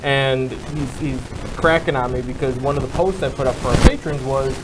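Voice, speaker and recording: A man's voice: mid-range voice, moderate pace. A man hosting a casual livestream, loose and rambling with lots of fillers. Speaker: livestream host. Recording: noisy room with background hum.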